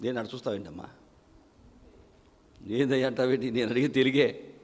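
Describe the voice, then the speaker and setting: A man's voice: medium pitch, steady tone, a little fast. A male pastor preaching a Sunday sermon, firing rhetorical questions at the congregation and reciting lists in a rising chant. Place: church service. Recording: long echo of a church hall.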